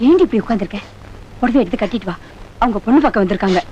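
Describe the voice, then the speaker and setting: A middle-aged woman playing a mother who scolds and pleads quickly in a film scene. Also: mid-range voice, lively intonation, muffled recording, slight background noise, natural voice. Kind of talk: Tamil film dialogue. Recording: film soundtrack with loud music behind. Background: film score music.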